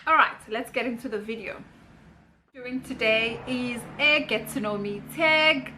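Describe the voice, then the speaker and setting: A South African woman in her thirties, a YouTuber, reads out questions and answers them in a casual get-to-know-me vlog. Her voice is on the high side with a sharp tone, and there's a slight hiss or hum.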